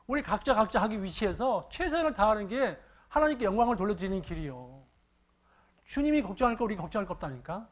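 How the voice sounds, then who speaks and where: A pastor telling a sermon story in an animated way, often asking the congregation questions. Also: male voice, sits high.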